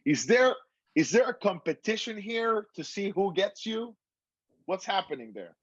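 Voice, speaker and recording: A man's voice: high-pitched, big pitch swings, a little slow, husky, dry recording. A man hosting a casual interview, asking long, winding questions. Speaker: interviewer and show host. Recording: slightly dull, dry lo-fi sound.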